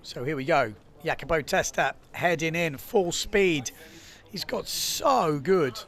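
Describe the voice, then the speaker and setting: Excitable male sports commentator, slightly high voice. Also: takes it slowly. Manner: excitable, chatty, lots of fillers. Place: commentary studio.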